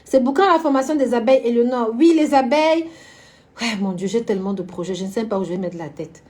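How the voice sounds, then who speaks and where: A woman's voice: a little high, fast, mellow. A woman hosting a casual live stream, chatting frankly about business and answering viewers by name, often laughing. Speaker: florist and event decorator hosting a live stream.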